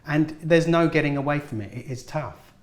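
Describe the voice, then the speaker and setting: A man's voice: a little high, expressive, moderate pace. A man, a guest actor, giving earnest, encouraging advice in a casual interview. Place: film studio at a school event. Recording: roomy, echoey room.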